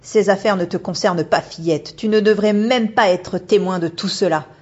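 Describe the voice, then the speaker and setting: A woman's voice: medium pitch, moderate pace, a little mellow, husky, natural voice. Casting: woman reading a cool, commanding spirit woman who turns into an otter; slightly raised, firm, dull recording. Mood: imperious. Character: mysterious shapeshifting otter spirit woman, haughty. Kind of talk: audiobook character voice.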